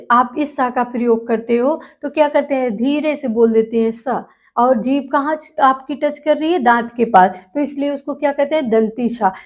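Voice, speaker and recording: A woman teaching a lesson, patiently sounding out syllables one by one and asking her students questions as she explains. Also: high voice. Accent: Hindi. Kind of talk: classroom lesson.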